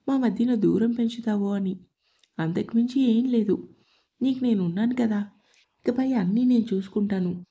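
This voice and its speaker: A woman's voice: a little high, mellow, breathy edge, lo-fi sound. A woman narrating a family drama story, reading every character's lines in her own voice.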